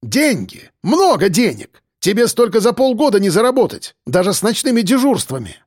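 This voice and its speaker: Gruff, stubborn cop in an audiobook, blunt and pushy, as a male narrator plays him. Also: sits high, wildly swooping pitch, moderate pace, a little mellow, no room sound, studio quality, pitched above the performer's own voice, heavily acted. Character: tough stubborn male police detective.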